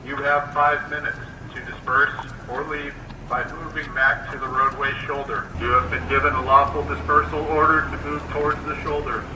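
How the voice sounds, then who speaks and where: A police sergeant reading formal dispersal orders in a flat, recited way, blared through a loudspeaker outdoors. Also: male voice, fairly high pitch, moderate pace, reverberant, distant mic, background noise. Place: outdoors at a roadside protest.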